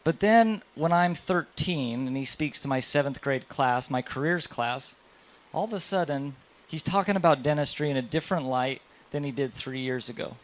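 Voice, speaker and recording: A man's voice: mid-range voice, moderate pace. A man in his thirties, a dentist giving a live lecture to other dentists in a hall, telling stories and asking the audience questions. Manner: lively storytelling, addresses audience directly.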